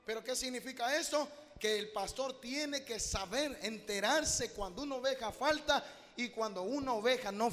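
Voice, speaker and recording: A man preaching a sermon as pastor in a church, animated, acting out little dialogues with God. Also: very high-pitched, in a large hall.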